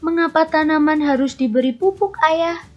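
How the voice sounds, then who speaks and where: A woman's voice: high-pitched, normal speed, voice pushed up, close to an everyday voice. A woman teacher reading a curious young schoolgirl's lines in a slightly raised voice. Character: young schoolgirl asking her father questions. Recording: lo-fi recording with faint music.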